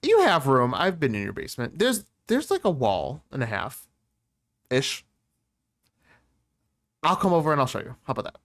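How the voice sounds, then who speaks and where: A man's voice: mid-range voice, huge pitch swings, normal speed, pauses often, a bit bright, dry recording, studio quality. A man co-hosting a podcast in playful casual chat, laughing often. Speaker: podcast co-host.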